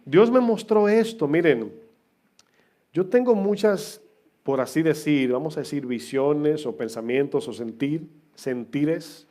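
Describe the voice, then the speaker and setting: Middle-aged pastor guy preaching in church, kinda high voice, jokes and asks the crowd stuff. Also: animated, a little slow, mellow. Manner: conversational preaching with humor and questions to the congregation. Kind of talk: sermon.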